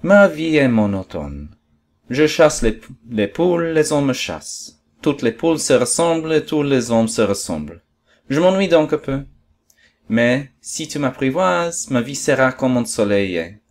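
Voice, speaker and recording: A wistful male fox as a man reads him speaks with patient earnestness. His pleas are soft and lonely, the voice of a storybook creature. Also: mid-range voice, big pitch swings, measured pace, gravelly.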